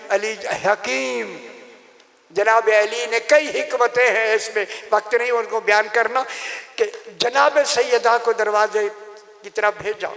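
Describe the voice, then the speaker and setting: A man's voice: very high voice, gravelly, fairly bright tone. A male preacher giving a mourning sermon with a Punjabi-influenced Urdu accent, wailing and drawing out his lines in a lamenting delivery. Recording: hall reverb.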